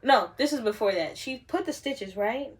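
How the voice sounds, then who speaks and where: A young adult woman vlogger telling a personal story on camera in a casual, chatty, animated way, with frequent "like" fillers. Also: on the high side, moderate pace.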